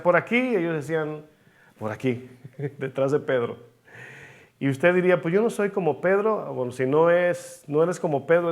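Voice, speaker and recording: Pastor preaching a sermon. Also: male voice, on the high side. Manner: preaching, addresses the congregation as brothers, acts out quoted voices.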